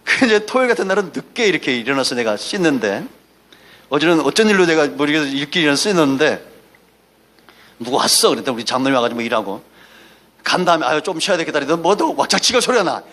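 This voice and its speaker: A man's voice: fairly high pitch, big pitch swings, fast, fairly bright tone. A man preaching a Sunday sermon as pastor, emphatic and folksy, calling for responses from the congregation between anecdotes. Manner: folksy, mixes asides and anecdotes.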